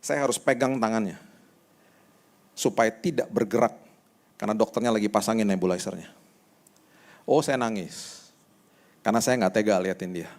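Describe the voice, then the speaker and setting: Pastor guy preaching, chatty storytelling, lowish voice. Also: fairly quick, long pauses. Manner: conversational, animated storytelling. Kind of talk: sermon.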